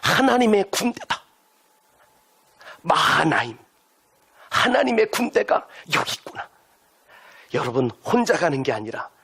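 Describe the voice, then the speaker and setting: A man's voice: on the high side, bright, forceful tone, husky. A male pastor preaching a sermon with emphatic delivery, having the congregation repeat lines to their neighbors. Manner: has listeners turn and repeat lines to neighbors.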